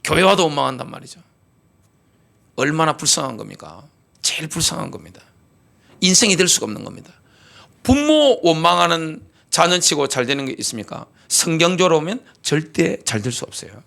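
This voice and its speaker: Animated, gravelly-voiced Korean pastor preaching. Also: male voice, a little high, fairly quick. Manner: emphatic preaching with rhetorical questions; repetitive call-and-response delivery. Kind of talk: sermon.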